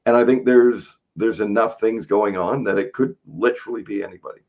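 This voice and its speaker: A man's voice: on the low side, fairly quick, darkish tone. A man hosting a podcast, rambling casually and laughing often, poking fun at himself. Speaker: podcast host. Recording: dull lo-fi sound.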